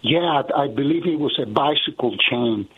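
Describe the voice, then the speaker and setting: A man's voice: mid-range voice, normal speed, slight background noise. A man in his sixties from Puerto Rico, raised in Brooklyn, earnestly telling a personal story to a radio host and peppering it with "you know". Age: 60s. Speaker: radio caller. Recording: husky voice on a phone line.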